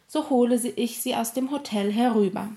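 A slick thief answers politely and casually, covering every lie with easy confidence, as a woman voices him in a storybook. His tone stays smooth and assured throughout. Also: fairly high pitch, brisk, dark tone, natural voice. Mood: smug. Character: smooth, lying thief in a stiff hat.

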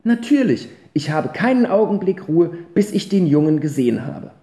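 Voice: medium pitch, sing-song, moderate pace, warm tone, voice pushed up. A reader voicing an anxious small-town hairdresser mother who talks in fretful, breathless exclamations. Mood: flustered. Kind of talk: audiobook character reading. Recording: roomy echo.

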